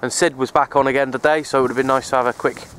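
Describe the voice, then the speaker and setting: A radio hobbyist vlogger races through his casual, rambling narration in a level, mid-pitched voice, resigned and low-key as he keeps coming back to the same points. He's out on an open hilltop among the trees. The sound comes from the built-in mic of the handheld camera he's holding, with faint noise behind him.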